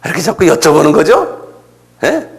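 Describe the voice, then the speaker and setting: A man's voice: high-pitched, sing-song, normal speed. An older man with a Gyeongsang accent preaching a sermon, acting out prayers and asking his congregation questions. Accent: Gyeongsang Korean. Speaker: pastor.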